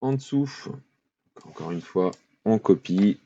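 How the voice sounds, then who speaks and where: A man, walking viewers through a spreadsheet in a relaxed screen-recorded tutorial, thinking aloud with fillers and small apologies. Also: fairly low pitch, slow pace. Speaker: finance tutorial host. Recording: dull lo-fi voice-over with keyboard clicks.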